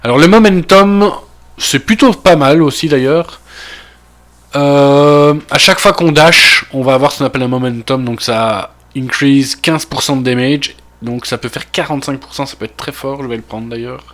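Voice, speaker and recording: A Belgian man with a Belgian French accent, just getting over a cold, talks through a game as he plays. He thinks aloud in an easy, casual way, with plenty of fillers and half-finished asides. His voice sits at an ordinary, mid pitch for a man. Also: normal speed, a bit bright. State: recovering from a cold. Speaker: gaming video creator. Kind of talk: casual gameplay commentary.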